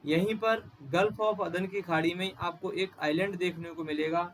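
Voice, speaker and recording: A male teacher with a slightly high voice walks through a map lesson for exam students, repeating each place name slowly and spelling some out. A faint hum of room noise sits behind him. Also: fairly even intonation, a bit bright, low-quality recording. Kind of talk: exam-prep map lecture.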